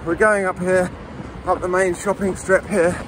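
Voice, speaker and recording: A man narrating a casual travel vlog while out running, speaking in short phrases with pauses. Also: sits high, level tone. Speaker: vlogger filming a training run. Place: outdoors on city streets and park hills. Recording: outdoor street noise, passing traffic. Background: city traffic and outdoor ambience.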